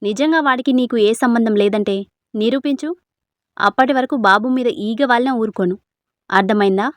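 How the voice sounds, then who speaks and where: Narrator does an angry young wife in a storybook, fierce and accusing, highish voice, dry close sound. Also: female voice, a little fast, warm tone, dry recording, natural voice. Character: angry young wife defending a little boy.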